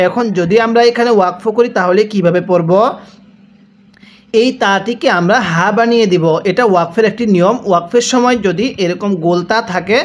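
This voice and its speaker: A Quran reading teacher who spells out each syllable and then has listeners repeat after him, in a slow, measured lesson. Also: medium pitch.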